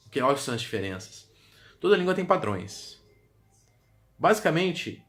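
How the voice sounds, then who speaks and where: A man who teaches languages, casually explaining words in a vlog and repeating example words aloud, with many fillers. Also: medium pitch. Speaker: language teacher and video creator. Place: home room with a gaming setup. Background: music playing softly in the background.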